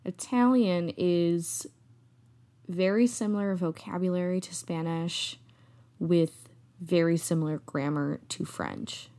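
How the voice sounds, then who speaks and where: A young American woman co-hosting a podcast, explaining things in a relaxed, self-deprecating way. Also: lowish voice, takes it slowly. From United States. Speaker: podcast co-host. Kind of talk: casual chat.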